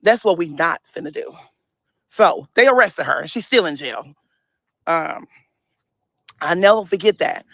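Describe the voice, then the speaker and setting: Fairly high-pitched and animated but a little slow, his voice carries vocal fry, long pauses and a fairly bright tone, with no room sound. He's a St. Louis social media personality in his thirties with a speech impediment, delivering an emphatic, repetitive casual vlog rant full of laughter.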